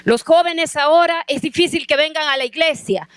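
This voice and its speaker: A woman with a high voice preaches as a pastor's wife, sharing a personal story in earnest. She asks her listeners questions directly. The sound is dry and close, with little room echo. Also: normal speed. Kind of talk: sermon with personal testimony.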